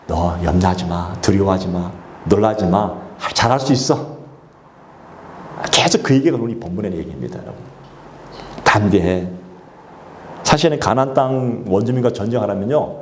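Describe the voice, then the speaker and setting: Man preaching with lively pitch. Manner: exhorting, calls for congregation responses. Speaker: pastor. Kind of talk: sermon. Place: church sanctuary. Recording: echoey church sanctuary.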